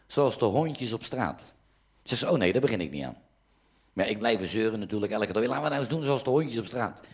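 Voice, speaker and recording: A man with a Dutch accent telling jokes as a stand-up comedian, raising his voice whenever he quotes someone. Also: mid-range voice. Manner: lively storyteller who raises his voice for quoted lines. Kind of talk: joke telling.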